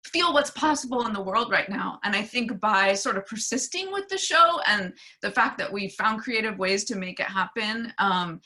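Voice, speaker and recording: A woman speaks in a bright, forward voice over a video call. She talks earnestly, with frequent fillers and pauses. Her tone is heartfelt and emotional. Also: medium pitch. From Portland, Oregon area. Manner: warm, earnest, many fillers, gets choked up. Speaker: exhibiting artist.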